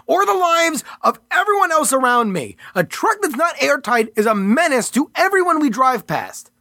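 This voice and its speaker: A man reading the part of a desperate male hostage-taker cornered on a bridge, pleading and defiant, breaking into shouts. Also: very high-pitched, big pitch swings, moderate pace, dry recording, clean studio sound, voice pushed up, heavily acted.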